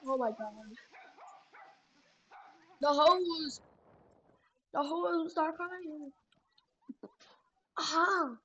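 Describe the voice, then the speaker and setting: A woman's voice: high voice, drawn-out words, long pauses, pushed and bright, highs cut off. A woman casually chatting and reacting to funny videos on an online call.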